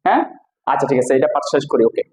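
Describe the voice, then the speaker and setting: A man's voice: medium pitch, expressive, rapid-fire, a little mellow. Man teaching in an echoey room. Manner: repeats each word many times, asks and answers his own questions. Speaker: English teacher. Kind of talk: classroom pronunciation lesson.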